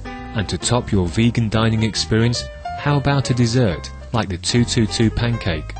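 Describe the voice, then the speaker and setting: A man reading a scripted voice-over narration in a smooth, measured way. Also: lowish voice. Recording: voice-over with guitar music behind.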